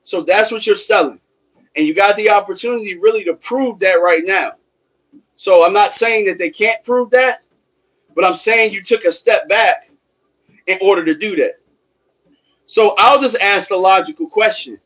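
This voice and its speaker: High-pitched man ranting while on a treadmill. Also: normal speed, pauses often, fairly bright tone, husky, poor audio. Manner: talking while exercising on a treadmill; emphatic, repeats phrases, poses rhetorical questions. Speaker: sports fan livestream host. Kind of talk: livestream sports commentary, casual rant.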